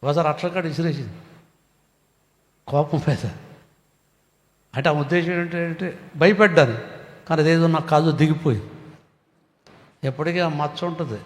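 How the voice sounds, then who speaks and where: Man, pastor, sermon, fairly high pitch, booming then quiet, long hall echo. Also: moderate pace, long pauses. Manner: preaching with sudden loud rises and soft drops.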